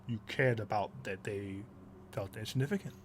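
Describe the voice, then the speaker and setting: A man voicing a stern royal father who speaks in a grave, measured way in a tabletop game. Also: on the low side, crowd noise, close to an everyday voice.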